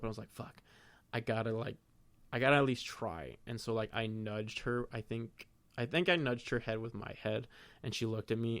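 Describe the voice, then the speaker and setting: A young man, the podcast's host, telling a self-deprecating, profane story in a casual, animated way. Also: mid-range voice, no echo.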